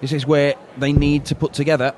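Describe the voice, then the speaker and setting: A man commentating live on a darts match, calling the play with measured analysis. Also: fairly high pitch, little pitch movement. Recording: loud arena crowd and noise behind.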